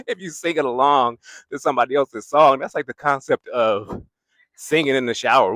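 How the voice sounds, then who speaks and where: A young man with a medium-pitched, fairly bright voice records a casual walking vlog on a city boulevard, handheld mic in hand. He rambles, laughs often and loops back to his point, and the recording is dry.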